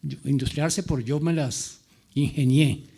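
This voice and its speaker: A man from the Latin American mountain highlands, a novelist reminiscing in a halting, digressive way, often repeating his words. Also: steady tone, vocal fry, warm tone, breathy edge. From rural mountain highlands of Latin America. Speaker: novelist on a panel. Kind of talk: rambling personal reminiscence.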